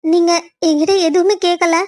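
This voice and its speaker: A woman's voice: extremely high pitch, steady tone, moderate pace, mellow, dry recording. A woman voicing a despairing young woman in a cartoon love story who talks through tears and turns defensive. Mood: tearful. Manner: tearful, defensive.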